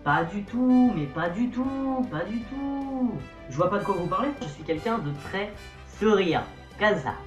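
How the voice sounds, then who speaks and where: A man's voice: sits high, animated, unhurried, few pauses, echoey room, faint music behind. A young man in his late teens talking casually to camera, chatty and playfully self-mocking. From Portuguese-Brazilian family background. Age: young adult. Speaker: youtuber.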